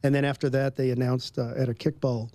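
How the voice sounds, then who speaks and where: A man telling a personal story in an interview, relaxed, with frequent ums and little chuckles between phrases. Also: medium pitch, fast. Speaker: guest.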